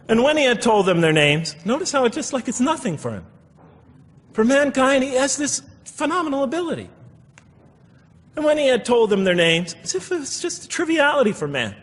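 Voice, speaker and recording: The speaker is a religious lecturer giving a public explanation of scripture in a large hall, where long reverb makes it echoey. His high-pitched voice is husky and a bit bright, and he stresses points emphatically by repeating phrases.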